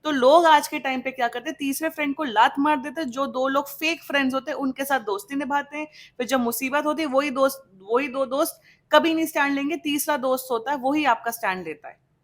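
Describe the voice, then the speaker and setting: A woman's voice: high-pitched, a little fast. Chatty woman reading tarot. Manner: chatty, animated, mixing Hindi and English, frequent restarts. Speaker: tarot reader. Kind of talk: casual tarot reading in Hindi-English mix.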